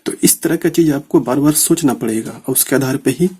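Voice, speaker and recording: Man from india, shorthand teacher, mellow voice, slightly husky, slow repeated words, casual lesson. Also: medium pitch. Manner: repeats words slowly while writing, many fillers.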